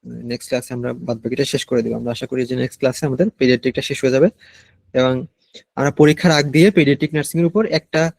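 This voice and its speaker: A Bangladeshi Bengali-accented man teaching a nursing class, explaining slowly and mixing in English medical terms. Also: medium pitch, fairly even intonation, vocal fry, a little mellow, no room sound. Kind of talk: online class lecture.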